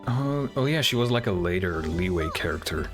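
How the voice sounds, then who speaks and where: Over game trailer music, a man who makes gaming videos muses casually and in a laid-back way while reacting to trailers. His voice sits low, and he is expressive at a moderate pace.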